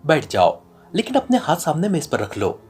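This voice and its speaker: A man voicing a stern, sharp-witted male secret agent, reading in a serious tone from an audio novel. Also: a little high, huge pitch swings, fairly quick, breathy edge, faint music behind, full character voice.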